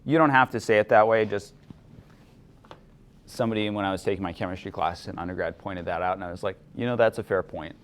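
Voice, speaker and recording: A young man teaching a chemistry class, explaining things in a relaxed way and asking students questions. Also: lowish voice, fast talker. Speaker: chemistry instructor. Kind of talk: classroom lecture.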